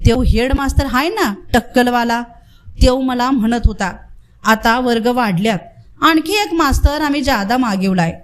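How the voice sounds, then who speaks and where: A woman's voice: a little high, moderate pace, natural voice. A woman voicing a fumbling male village gossip who rambles in rustic speech, as a storyteller reads. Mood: grumbling.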